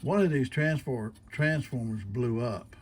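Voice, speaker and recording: A medium-pitched man, a hobbyist restoring old radios, talks through the hands-on work in an unscripted, casual demonstration. He's folksy and unhurried, often circling back to earlier points, checking in with the viewer, and posing questions he then answers himself.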